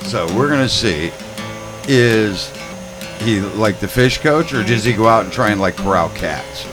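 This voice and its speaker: Man, fishing show host, joking, loose, lower voice, guitar strumming behind. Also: animated, unhurried. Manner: jokey, loose, laughing often. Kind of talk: casual radio chat. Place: radio studio. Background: his own guitar playing.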